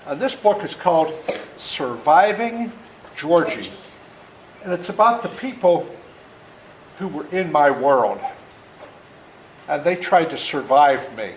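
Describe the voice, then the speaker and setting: Reading aloud and telling stories to schoolchildren, this older author in his seventies has a fairly high, animated voice. He speaks slowly with long pauses, and the echoey room carries faint noise.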